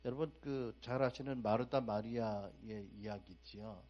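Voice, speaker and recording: A male preacher delivering a sermon to his congregation. He moves between hushed, confiding remarks and forceful, emphatic peaks. He keeps drawing the listeners in with rhetorical questions. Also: fairly low pitch, measured pace, muffled recording. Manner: animated, swings from soft asides to loud emphatic outbursts.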